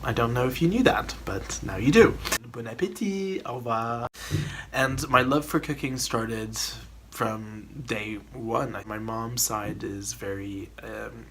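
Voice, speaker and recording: A man's voice: medium pitch, fairly bright tone, slight background noise. A man from the Philippines hosting his cooking channel, chatting casually to a camera on a tripod, rambling with restarts and little laughs.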